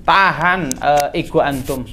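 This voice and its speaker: A man's voice: a little high, takes it slowly, pushed and bright, a little hiss or hum. A male preacher, answering a question in a sermon with storytelling, often calling his listeners sir. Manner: storytelling, addresses listeners as Pak and antum.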